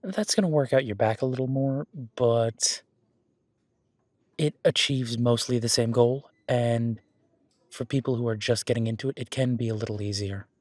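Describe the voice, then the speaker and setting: In a casual, instructive audio roleplay, a man plays a friendly, patient werewolf boyfriend acting as a gym training coach, guiding a workout. His medium-pitched, slightly mellow voice moves at a moderate pace, lightly acted, on a dry recording.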